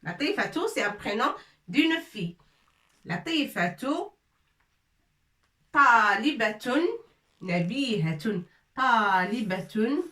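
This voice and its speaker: Slow, bright-voiced woman teaching a class. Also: medium pitch. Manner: slow, repetitive, drills words aloud. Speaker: Arabic teacher. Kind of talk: classroom grammar lesson. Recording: echoey room, voice from far off.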